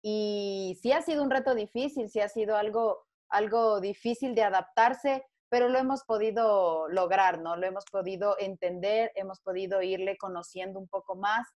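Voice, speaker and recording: A woman's voice: medium pitch, moderate pace, hardly any pauses, darkish tone. Woman telling a family story. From Ecuador. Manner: earnest storytelling with frequent restarts. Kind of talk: conversational panel talk.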